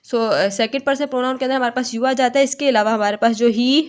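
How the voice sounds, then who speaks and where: A woman teaching an online grammar lecture to her students, speaking slowly and checking in often with "theek hai". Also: a little high. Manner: slow, explaining with frequent "theek hai" checks. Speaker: English teacher.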